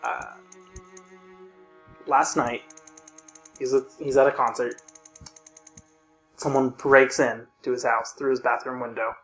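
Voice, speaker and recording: A man's voice: mid-range voice, level tone, slow pace, pauses often, fairly bright tone, faint music behind. A man co-hosting a let's play, chatting casually and explaining the rules of the run.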